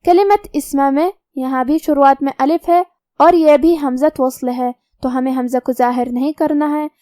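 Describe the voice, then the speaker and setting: A woman teacher patiently explaining Quran recitation rules letter by letter, then reciting verses slowly. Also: high voice, steady tone, mellow, dry recording, studio quality. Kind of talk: tajweed lesson with slow recitation.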